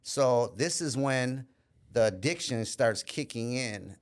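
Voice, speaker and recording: Speaking as a guest on a podcast, this Minneapolis man recounts his life story in a casual interview, reflective and candid. He has an expressive, mid-range voice, frequently says "you know," and tends to pause and restart partway through thoughts.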